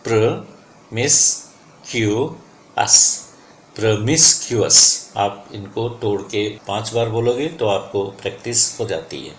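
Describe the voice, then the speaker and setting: Indian-accented male teacher, deliberate bilingual lesson pace, roomy echo. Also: on the low side, a little hiss or hum. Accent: Indian English. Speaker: English teacher. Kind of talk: vocabulary lesson.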